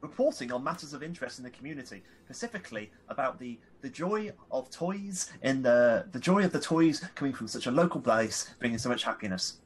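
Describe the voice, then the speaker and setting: A man's voice: mid-range voice, animated, brisk, hardly any pauses, slight background noise, lightly acted, poor audio. A man putting on a pompous posh girl. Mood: haughty. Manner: stiff, formal, overly flowery wording. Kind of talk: tabletop role-play in character.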